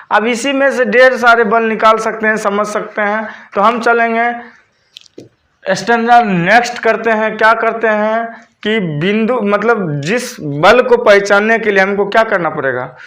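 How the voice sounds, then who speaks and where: A man's voice: sits high, fairly bright tone. A man teaching a school physics lesson, dictating notes and repeating key terms back as questions for his students.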